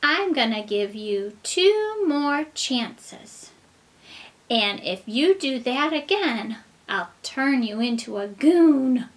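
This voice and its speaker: A woman voicing a stern female blue fairy in a children's song, scolding slowly and emphatically as if to a toddler. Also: high voice, animated, heavily acted. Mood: stern warning.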